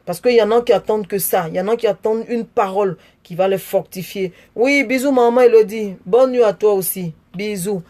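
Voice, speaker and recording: A woman giving a live-streamed exhortation, repeating phrases for emphasis and warmly greeting her viewers by name. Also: medium pitch, brisk, hardly any pauses. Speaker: online preacher.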